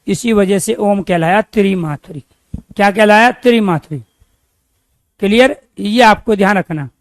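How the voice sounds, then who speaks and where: A man's voice: high voice, dry recording, studio quality. A man teaching a grammar lesson, asking questions and answering them himself, repeating key terms so they stick.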